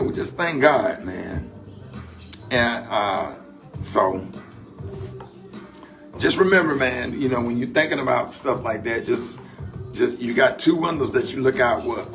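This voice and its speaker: Over background music, an older Southern American radio morning-show host talks loosely about faith and grief, shifting between casual banter and reflective talk. His medium-pitched voice has vocal fry, and he laughs and stretches out his Southern phrasing.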